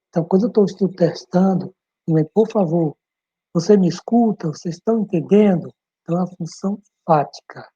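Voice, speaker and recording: Husky dark-voiced teacher guy, patient online lecture, keeps checking in, dull lo-fi sound. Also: high voice, dry recording. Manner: explains patiently, checks in with "tá?" often.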